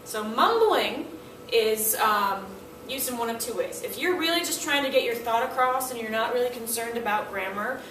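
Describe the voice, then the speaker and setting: A woman's voice: a little high, normal speed, background noise. A woman language teacher explaining classroom signals and acting out what students and the teacher say. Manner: animated, acts out student and teacher lines in quotes. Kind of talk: classroom instruction. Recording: echoey room, mic at a distance.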